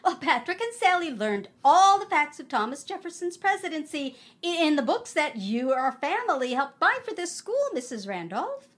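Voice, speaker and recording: A woman's voice: sits high, big pitch swings, moderate pace, hardly any pauses, fairly bright tone. A woman playing a diplomatic schoolteacher who hosts a speech contest in a comedy sketch. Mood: announcing, diplomatic.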